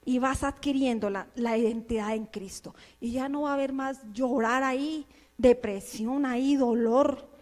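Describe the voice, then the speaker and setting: A woman pastor preaching a fervent, scolding sermon, firing rhetorical questions at her listeners and swinging from low murmurs to shouts. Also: steady tone, measured pace. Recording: long hall reverb.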